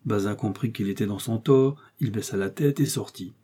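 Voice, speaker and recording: An audiobook narrator reads a classic novel aloud in scripted narration, keeping a measured, even storytelling manner. His voice is on the low side and slightly rough.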